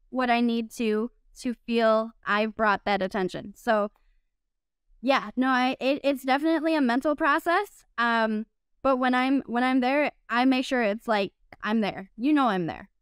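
A woman's voice: fairly high pitch, clean tone, no echo, clean studio sound. A woman in her twenties answering interview questions over a video call, upbeat and chatty with frequent "um"s. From United States. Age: 20s. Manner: upbeat, laughs easily, frequent "um"s. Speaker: guest, bikini competitor. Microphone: video call from home.

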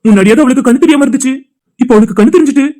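A voice actor playing a calm young man in a cartoon who reassures his worried friend in a soothing way. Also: sits high, racing, natural voice. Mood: reassuring. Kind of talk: cartoon voice acting.

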